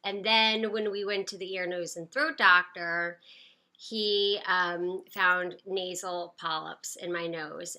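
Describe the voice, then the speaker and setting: A woman in her late thirties from the United States tells her own story to camera in an upbeat, chatty way, full of fillers. Her voice is on the low side, bright and forceful.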